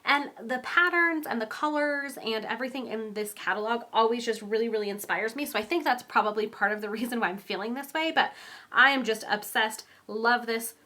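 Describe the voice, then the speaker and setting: Speaking a little fast with a sharp, fairly high voice, a young woman sounds blocked up from a cold. Her card-making tutorial is loose and chatty, sprinkled with ums, small laughs, and frequent giggles.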